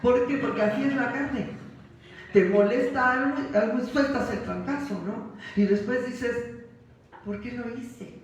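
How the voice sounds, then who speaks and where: A woman's voice: fairly high pitch, moderate pace, slight background noise. A woman pastor with a Mexican accent preaching a sermon, telling funny stories and laughing along with the congregation. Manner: humorous storytelling with laughter. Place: church. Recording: echoey church hall, mic from far off.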